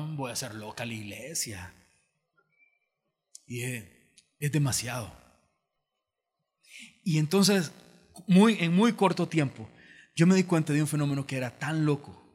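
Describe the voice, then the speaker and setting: A man's voice: mid-range voice, breathy edge. Man preaching in a church auditorium, chatty storytelling sermon, echo hanging in the hall. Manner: conversational storytelling, acting out quoted voices. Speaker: pastor.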